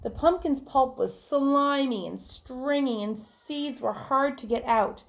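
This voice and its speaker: A woman with a high voice reads a children's story aloud slowly, teacher-style, with lots of expression. She tells it clearly, acting out the dialogue, asking the listeners questions and adding chatty asides.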